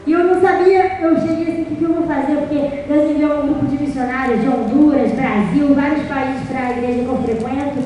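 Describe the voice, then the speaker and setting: Woman preaching her testimony, high voice, big echoey hall, mic far off. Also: a little fast, hardly any pauses, a little hiss or hum. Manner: lively storytelling, acting out dialogue. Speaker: guest preacher. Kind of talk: sermon testimony. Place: church.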